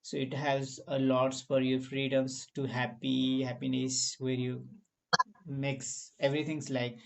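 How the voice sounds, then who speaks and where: A man's voice: medium pitch, little pitch movement, measured pace, creaky, darkish tone, low-quality recording. Guy on a voice call, rambling non-native english, says things twice. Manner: non-native English, repetitive, talks at length. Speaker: conversation partner. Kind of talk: casual conversation practice.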